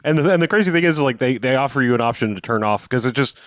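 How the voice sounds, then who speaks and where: A man's voice: mid-range voice, lively intonation, racing, no echo, studio quality. A young man chatting casually and enthusiastically about a video game, rambling with restarts and the odd swear. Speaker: podcast co-host.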